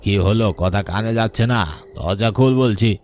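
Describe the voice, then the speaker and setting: A man playing a gruff, scolding village headman in a cartoon ghost story, with a brusque, commanding manner. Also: fairly low pitch, normal speed, darkish tone, slight background noise, close to an everyday voice. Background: prominent background music.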